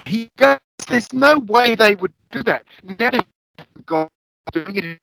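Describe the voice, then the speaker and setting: A man's voice: high-pitched, expressive, unhurried, vocal fry, bright, forceful tone. An Australian man co-hosting a podcast, his voice breaking up over a glitching call connection, emphatic and repeating words. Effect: glitching, breaking-up call audio. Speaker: podcast co-host. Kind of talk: casual podcast chat.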